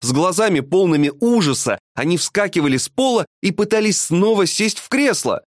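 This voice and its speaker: A man narrating a storybook with an expressive, dramatic reading. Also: high-pitched, normal speed, dry recording, clean studio sound.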